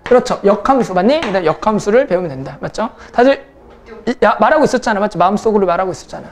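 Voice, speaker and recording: A woman's voice: medium pitch, expressive, very fast. A young woman math teacher lecturing a class, casual and teasing, who keeps checking in with her students.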